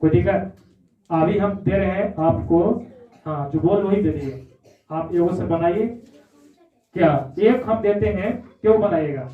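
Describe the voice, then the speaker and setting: A male teacher, speaking in a fairly high voice. He repeats his points and checks in with his students as he goes. The sound is thin and phone-like, picked up from a distance in an echoey room. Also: a little slow, pauses often. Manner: repetitive, checks in with "है ना?". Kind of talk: classroom lesson. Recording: echoey, far-off, phone-like audio.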